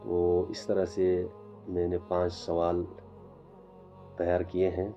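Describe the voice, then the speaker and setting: A man giving an informal religious lecture for his online channel, speaking haltingly with many fillers and restarts. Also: deep voice, completely flat delivery, warm tone, soft background music. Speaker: self-taught religious lecturer.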